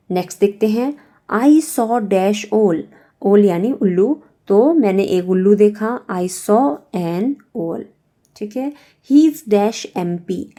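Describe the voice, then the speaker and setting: A woman with an Indian English accent, teaching an exam-prep grammar lesson. She reads each practice sentence slowly and clearly, then explains the rule. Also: medium pitch, mellow.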